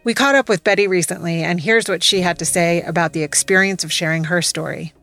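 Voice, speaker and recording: A woman's voice: lowish voice, fairly quick, fairly bright tone, soft background music. A woman hosting with scripted narration, introducing storytellers. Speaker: host.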